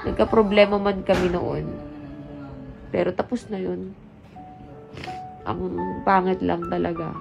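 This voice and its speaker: A woman's voice: lowish voice, fairly even intonation, unhurried, vocal fry, long pauses, over music, poor audio. A woman with a Filipino accent vlogging casually, chatty and talking straight to her viewers, sounding stuffy from the flu. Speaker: vlogger and mother. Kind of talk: casual vlog chat.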